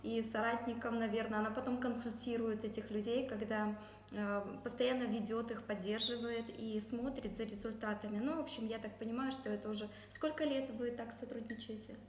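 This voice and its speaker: A woman's voice: a little high, steady tone, fairly quick. A woman hosting an interview in a conversational style. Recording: echoey room with faint background noise.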